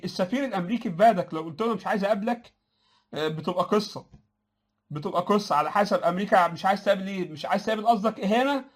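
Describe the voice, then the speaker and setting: An Egyptian man talks fast in casual political commentary, his voice sitting high. He mocks the ideas he answers, chuckles at his own points and trips into restarts as he hurries on. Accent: Egyptian Arabic.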